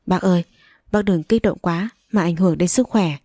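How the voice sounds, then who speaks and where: A woman's voice: lowish voice, moderate pace, mellow, dry recording, clean studio sound. A woman voicing a sly young woman friend in a storybook reading, speaking in an insinuating way.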